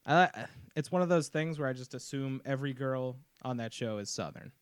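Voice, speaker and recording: A man's voice: fairly quick, clean tone, no echo. A young man from Ohio with a Northeast Ohio accent, co-hosting a casual podcast chat, joking and laughing often. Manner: joking, laughs often, lively pitch swings. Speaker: podcast co-host.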